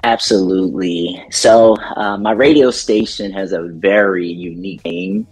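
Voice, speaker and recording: A middle-aged man talking casually in an interview about his radio work, relaxed and rambling, with plenty of ums. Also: on the low side, unhurried, creaky, slightly rough, soft background music. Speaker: DJ and radio station owner.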